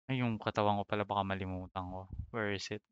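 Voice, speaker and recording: Guy gaming and chatting, smooth clear voice, kinda dull dry mic. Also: fairly low pitch, steady tone, fast, no echo. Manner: reads out item names, code-switching, chuckles. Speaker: gamer co-host. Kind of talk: casual gaming chat.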